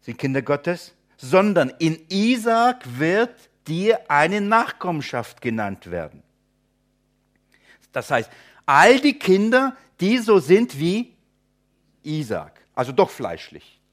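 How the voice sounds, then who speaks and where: German-speaking pastor teaching verse by verse. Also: male voice, high-pitched, big pitch swings. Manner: rhetorical questions to listeners, addresses them as friends; acts out imagined objectors in quick asides.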